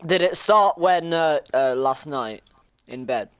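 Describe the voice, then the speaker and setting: A man's voice: on the high side, lively intonation, slow pace, clear, resonant tone, no echo. A man running a tabletop game with friends, laughing often and joking around. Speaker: game master.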